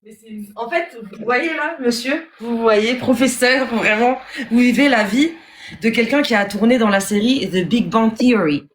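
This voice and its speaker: A young woman in a casual live chat, talking quickly and excitedly. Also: fairly high pitch, slight background noise.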